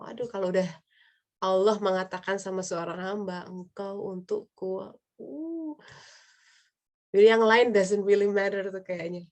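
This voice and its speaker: A woman's voice: mid-range voice, darkish tone. A woman leading an online religious study talk in a conversational way, slipping in English phrases.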